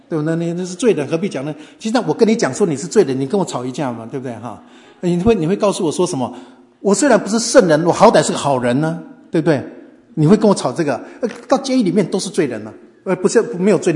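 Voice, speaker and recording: A man's voice: fairly high pitch, darkish tone. A man preaching a sermon, telling stories and asking the listeners questions. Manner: storytelling, asks the audience questions. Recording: long hall reverb.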